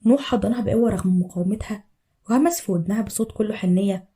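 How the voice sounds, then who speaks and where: A woman with an Egyptian accent narrates a scripted story at a racing clip. Her tone is dark and mellow, and her delivery stays even throughout. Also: mid-range voice, quick pace. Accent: Egyptian Arabic.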